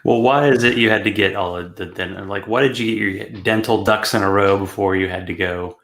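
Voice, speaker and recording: A man's voice: lowish voice, fairly quick, a bit bright, echoey room. A middle-aged man hosting a casual interview over a video call from a small room at home. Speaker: podcast host.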